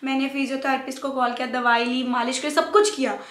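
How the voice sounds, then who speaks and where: A young woman casually telling her love story as a vlogger, animated, slipping English phrases into her talk and acting out family members' lines. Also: high-pitched, fast talker. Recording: echoey room.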